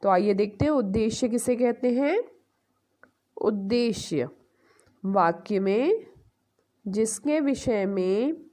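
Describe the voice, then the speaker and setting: A woman's voice: medium pitch, a little mellow. A woman teacher giving an online grammar lesson to young pupils, explaining step by step and asking the class questions before answering them herself. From India. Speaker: school teacher.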